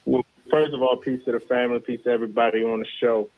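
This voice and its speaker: A man's voice: mid-range voice, fairly even intonation, quick pace. A man calling in to a talk show, heard over a phone line, making earnest points and often restarting his words. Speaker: caller. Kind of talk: call-in commentary.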